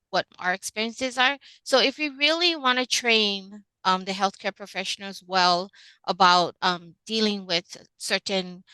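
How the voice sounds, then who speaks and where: Female nurse from Hawaii, webinar panelist, chatty, bright tone. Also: mid-range voice, dry recording, rough recording. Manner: chatty, laughing asides.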